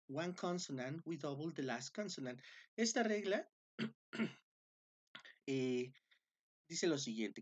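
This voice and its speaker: Slow, patient woman teaching grammar. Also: low-pitched, muffled recording. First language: Spanish. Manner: patient, drawn-out, repeats each rule in Spanish. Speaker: English teacher. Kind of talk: slow classroom-style grammar explanation.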